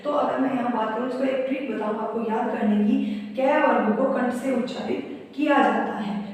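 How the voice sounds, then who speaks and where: A woman teaching a grammar lesson, fairly high-pitched, who repeats each point and answers her own questions. She stands back from the mic, and her voice rings in a hard, echoey room with a long reverb tail. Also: darkish tone, recorded from a distance. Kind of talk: exam-prep grammar lesson.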